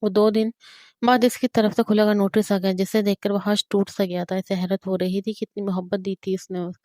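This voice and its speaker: A woman narrating a romance audio novel with steady storytelling. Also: mid-range voice, a little fast, dry recording.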